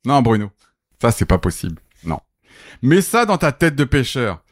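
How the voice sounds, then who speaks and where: An actor playing a pompous, greedy self-styled messiah in a comic radio serial, preachy and grandiloquent, then curt. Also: male voice, medium pitch, big pitch swings, normal speed, no room sound, clean studio sound. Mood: firm, unctuous.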